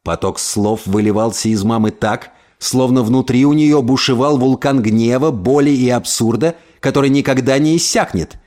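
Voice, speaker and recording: A man reading a first-person story aloud in an expressive narration. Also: mid-range voice, moderate pace, hardly any pauses. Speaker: audiobook reader.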